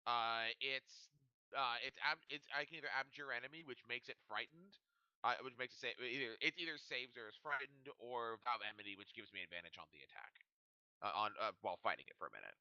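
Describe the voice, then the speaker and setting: A man playing a tabletop game, bantering casually in a rambling, halting, jokey way. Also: mid-range voice, pushed and bright, clean tone, no echo, dull audio.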